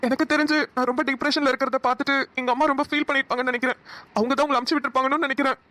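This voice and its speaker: A woman's voice: sits high, steady tone, very fast, bright, forceful tone. A woman voicing a sad, lonely young man who is a caring brother, speaking in a mournful way in a cartoon. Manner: mournful, heavy-hearted delivery. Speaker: cartoon voice actor. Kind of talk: Tamil cartoon dialogue.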